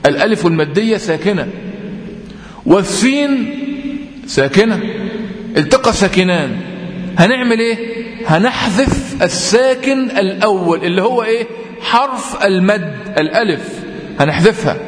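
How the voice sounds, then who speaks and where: An Egyptian man teaches a tajweed lesson in a high, clear voice. He explains patiently, repeats his points and stretches out example words slowly. The sound rings in a roomy space with a long, trailing reverb. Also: animated. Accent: Egyptian Arabic. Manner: patient, repetitive explaining, drawn-out example readings. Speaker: Quran recitation teacher. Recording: echoey room with long reverb.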